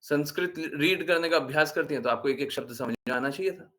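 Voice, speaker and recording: A man giving an informal devotional talk as a spiritual teacher, animated and scolding with rhetorical questions. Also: fairly high pitch, fairly quick.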